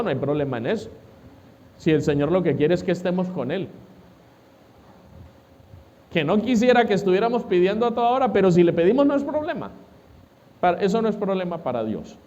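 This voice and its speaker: A man's voice: high-pitched, a little mellow, dull audio. A man, a pastor preaching a sermon who asks the congregation questions and answers them himself.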